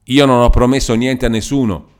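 A man voicing an irritable middle-aged clerk who shouts in agitation. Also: medium pitch, fairly even intonation, fairly quick, clear, resonant tone, voice pushed up, natural voice. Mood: angry.

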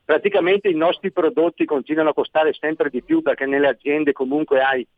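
A man's voice: a little high, fairly even intonation, a little fast, dry recording. A middle-aged man calling in to a radio show over a phone line, earnestly pressing his point. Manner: earnest, insistent argument. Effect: phone-line call into a radio show. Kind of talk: call-in comment on taxes. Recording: tinny phone line, dry.

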